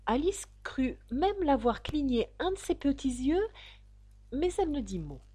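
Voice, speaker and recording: Brief: female storybook narrator, expressive and animated, slightly high voice. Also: measured pace, no room sound. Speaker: reader. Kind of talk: audiobook narration.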